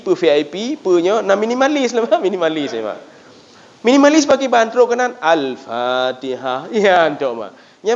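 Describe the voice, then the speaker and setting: Acehnese male preacher, animated storyteller, high expressive voice, muffled lo-fi recording. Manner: lively, animated storytelling, often addressing listeners as "Pak". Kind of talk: sermon. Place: prayer room. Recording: dull lo-fi sound.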